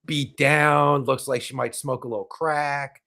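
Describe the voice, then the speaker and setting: A man's voice: medium pitch, steady tone, measured pace, vocal fry, pushed and bright. A man hosting a podcast, talking in a rambling, crude way with lots of fillers. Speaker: podcast host. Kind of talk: casual chat.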